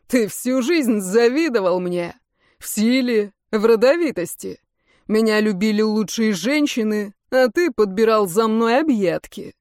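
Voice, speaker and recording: A woman's voice: fairly high pitch, expressive, measured pace, a little mellow, no room sound, clean studio sound. A woman voicing a mocking male mage who taunts his rival with scorn.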